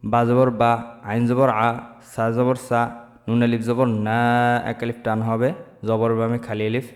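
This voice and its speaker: A man teaching Quran reading, spelling out letters and vowel marks slowly and then chanting the words drawn out. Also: mid-range voice, flat delivery, a little mellow, big-room sound, faint music behind. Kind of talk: slow spelled-out Quran recitation lesson.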